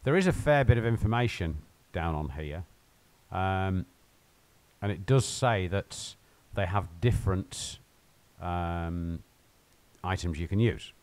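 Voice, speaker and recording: A man with a fairly low voice hosts a casual live game stream from home. He rambles and jokes with his viewers as he plays, drifting between chat and the game. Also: expressive, slow pace, a little mellow. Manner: rambling, joking, talks to viewers while playing.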